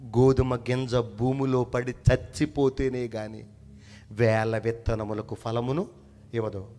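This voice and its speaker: A man's voice: little pitch movement, slow. Telugu preacher man in an echoing hall. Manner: emphatic call-and-response preaching, urging the congregation to answer loudly; swings between loud shouted lines and low quiet ones. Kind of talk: sermon. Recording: long hall reverb.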